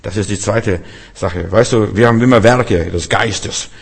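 Husky-voiced preacher man, emphatic. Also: fairly low pitch, unhurried. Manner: emphatic, repetitive, addresses listeners directly. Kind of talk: sermon.

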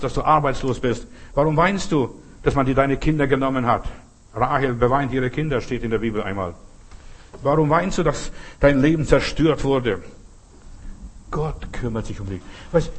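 A man's voice: mid-range voice, normal speed, husky. A man preaching a sermon, driving home his points with repeated rhetorical questions. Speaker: pastor.

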